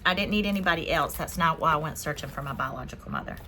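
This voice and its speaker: A woman from Spain hosts a casual haul vlog, chatting away as she unboxes her purchases one by one. Her voice sits a little low for a woman, with a faint hum of room noise behind her. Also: very fast, sharp tone. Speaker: vlog host.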